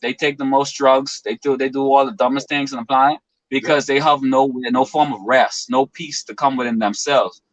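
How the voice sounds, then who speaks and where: A man's voice: mid-range voice, fairly even intonation, normal speed, no room sound, rough recording. A man in his twenties from the Bahamas, talking as a guest in an earnest, philosophical way with long winding explanations. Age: 20s. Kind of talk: reflective interview talk.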